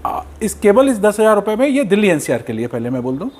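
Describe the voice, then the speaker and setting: An Indian man presenting an offer as a company representative in a conversational, emphatic sales pitch, repeating his key points. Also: big pitch swings, fast talker, a little mellow. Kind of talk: sales pitch in conversation, mixing Hindi and English.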